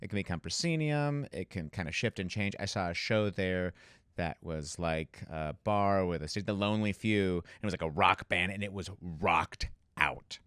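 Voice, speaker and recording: A man's voice: low voice, moderate pace, fairly bright tone, clear, resonant tone, dry recording, clean studio sound. A man hosting a theatre podcast, chatting with enthusiasm and gushing about the shows. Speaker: podcast host, theatre reviewer. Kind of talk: casual chat.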